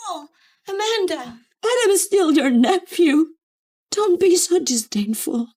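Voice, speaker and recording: A woman's voice: very high-pitched, expressive, slow pace, exaggerated voice. An actress playing a poor, kind older mother who tries to keep the peace and pleads with her relatives. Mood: pleading. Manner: pleading, gentle.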